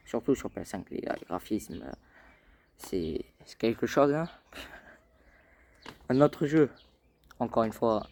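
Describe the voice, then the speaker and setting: A man's voice: on the low side, a little mellow, a little hiss or hum. A man hosting a casual gaming vlog, rambling and hesitant, with lots of fillers and repeated call-outs to his viewers. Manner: keeps addressing viewers as "les gars". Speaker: gaming channel host.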